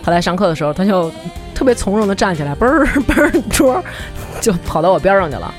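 Fast-talking woman telling stories. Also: mid-range voice, faint music behind. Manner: chatty, animated, laughs while telling stories. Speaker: talk show co-host. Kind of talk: casual comedic storytelling.

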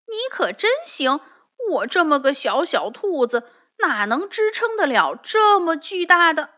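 A woman voicing a small excitable rabbit in a children's story, talking in loud, high, indignant outbursts. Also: slow pace, full character voice. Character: little excitable rabbit, quick to anger. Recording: dull lo-fi recording.

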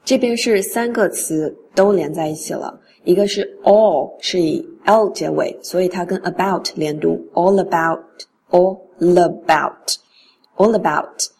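A woman teaching English pronunciation in a relaxed spoken lesson. She reads English phrases slowly and then explains them in Mandarin. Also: on the low side, creaky, a little hiss or hum.

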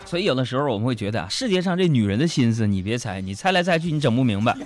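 A man's voice: mid-range voice, very animated, very fast, music in the background. A man with a Northeastern Chinese accent doing a chatty comic monologue, talking straight to the audience. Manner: chatty, addresses audience as friends. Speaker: stand-up comedian.

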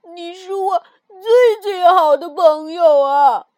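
An impulsive young male frog from a children's storybook, as a woman puts him on. He speaks loudly and excitably, and his high voice swings up and down. The recording is dry and close to the mic. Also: slow pace, no room sound. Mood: tearful. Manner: loud, excitable outbursts. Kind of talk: storybook character voice.

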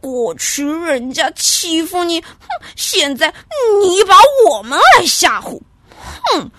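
A woman voicing a group of small forest animals who cry out excitedly and loudly. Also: takes it slowly, no echo, heavily acted. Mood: mocking. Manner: shrill, excited, loud. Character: panicky, cheeky little forest animals.

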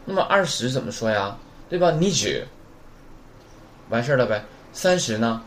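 A man's voice: mid-range voice, big pitch swings, normal speed, fairly bright tone, a little hiss or hum. A man teaching a beginner Japanese class in a casual, chatty way, drilling numbers aloud and asking rhetorical questions. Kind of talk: casual spoken lesson.

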